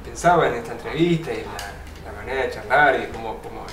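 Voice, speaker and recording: A man's voice: mid-range voice, fast, crowd noise. A man hosting a TV interview, asking conversational questions and chiming in with short encouraging remarks. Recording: roomy, distant mic, noisy.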